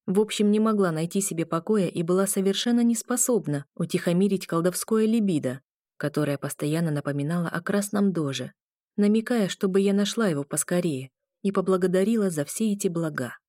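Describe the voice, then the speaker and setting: A woman reading a first-person fantasy audiobook with wry, lively storytelling. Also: on the low side, fairly quick, no room sound, clean studio sound. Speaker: audiobook narrator.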